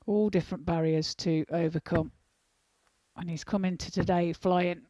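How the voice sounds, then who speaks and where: A woman's voice: fairly low pitch, fairly even intonation, normal speed, warm tone, no echo. A woman giving conversational live commentary on a darts match.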